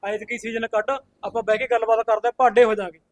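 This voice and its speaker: A man's voice: very high voice, little pitch movement, fast. A man playing an impatient farmer husband who lectures the women of the house. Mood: exasperated. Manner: exasperated, lectures and pushes the women to hurry. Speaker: elder brother and farmer of the house. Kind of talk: comedy skit acting.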